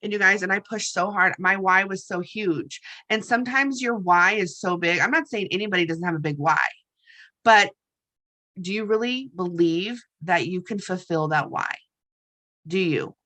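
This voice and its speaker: A middle-aged woman shares her own story as a network marketing distributor in an upbeat motivational talk. Her voice sits fairly low yet rings bright and punchy. She talks in a chatty, emphatic way and keeps turning to her listeners as "you guys". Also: moderate pace.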